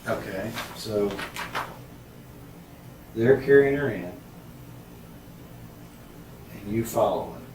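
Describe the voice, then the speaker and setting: A man's voice: on the low side, takes it slowly, pauses often. A man questioning someone as a police interrogator, methodical and probing, repeating answers back. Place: echoey interrogation room, far mic. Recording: echoey room, distant mic, heavy noise.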